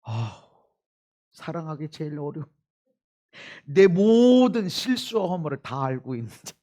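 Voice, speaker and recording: A male pastor preaches in a church, his voice riding high and swinging widely in pitch. He drops to near whispers and then climbs back to loud, emphatic bursts. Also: very animated, a little slow. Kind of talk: sermon. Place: church sanctuary.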